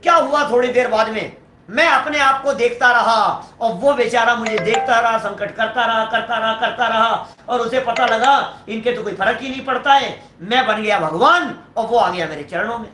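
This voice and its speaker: A man voicing a calm, serene male deity who explains things gently in a sermon. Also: very high voice, moderate pace, roomy sound.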